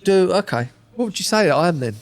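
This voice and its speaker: Animated Essex man, casual podcast banter. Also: high-pitched, quick pace. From Essex, England. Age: 30s. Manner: mocking, sweary, mimics other people's remarks. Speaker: podcast host.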